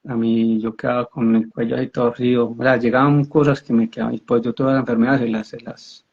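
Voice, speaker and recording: Husky-voiced man giving a religious testimony. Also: medium pitch, flat delivery, darkish tone. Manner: halting, repeats and restarts words. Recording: dull lo-fi audio.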